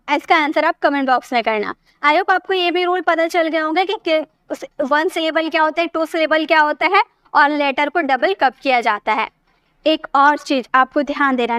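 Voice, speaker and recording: A woman's voice: high-pitched, fairly bright tone, no echo. A woman teaching a spoken English lesson, patiently repeating points and checking that learners follow.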